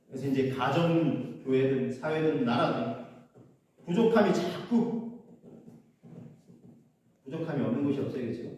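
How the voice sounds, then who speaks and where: Korean pastor preaching in an echoey hall. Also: male voice, fairly high pitch, warm tone. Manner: preaching with rhetorical questions to the congregation. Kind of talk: sermon. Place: church sanctuary. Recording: echoey church hall, mic from a distance.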